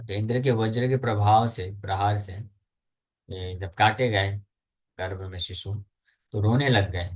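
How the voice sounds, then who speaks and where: A man with an Indian accent leads a scripture class with a fairly low voice. He recites verses in a slow, measured chant, then explains them plainly at an unhurried pace. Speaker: scripture teacher.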